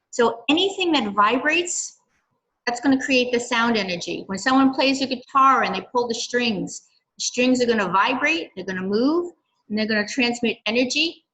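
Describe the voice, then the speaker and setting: An older woman with a bright, fairly high voice, leading a children's science lesson. She explains each step gently and checks in with "okay" and "right." She also reads aloud from a storybook. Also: low-quality recording. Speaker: library science program leader.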